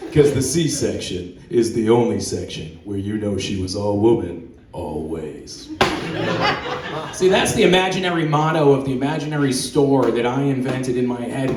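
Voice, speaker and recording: A man performing a stand-up comedy set on a club stage, delivering dark one-liners in a deadpan way. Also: mid-range voice, slight background noise. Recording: roomy club sound from far off, crowd laughter.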